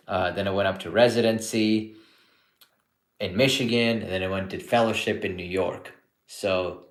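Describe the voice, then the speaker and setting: Relaxed, low-voiced man in an echoey room. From born in India, grew up in Canada. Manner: relaxed and chatty, with frequent restarts. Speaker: psychiatrist hosting a live Q&A. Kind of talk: casual live-stream chat answering viewer questions.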